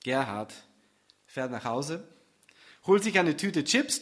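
A man's voice: fairly high pitch, fairly bright tone. A man narrating a comic story in a dry, wry manner.

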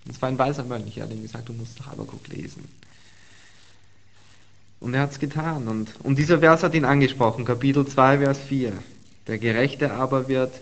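A man preaching a sermon and reading Bible verses aloud, earnest, stressing and repeating key words. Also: mid-range voice. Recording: slightly dull lo-fi recording.

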